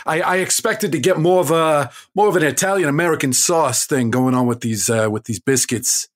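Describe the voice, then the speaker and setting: A man playing a polite, puzzled New Yorker with a Queens accent and a halting, hedging delivery, in an improvised comedy scene. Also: on the high side, lightly acted. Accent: Queens, New York.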